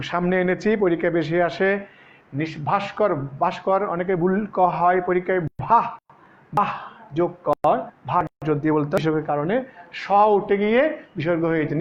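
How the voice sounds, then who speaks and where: A male teacher giving a classroom grammar lesson, speaking slowly and repeating terms to stress what comes up in exams. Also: high voice, dull audio. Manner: slow, repeating terms and stressing exam points. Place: classroom, moving about the board.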